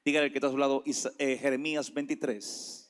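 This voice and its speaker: A man preaching a sermon with passion, dropping to a hush and then rising to shouts. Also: medium pitch, level tone, fast. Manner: impassioned, swings from hushed to shouting.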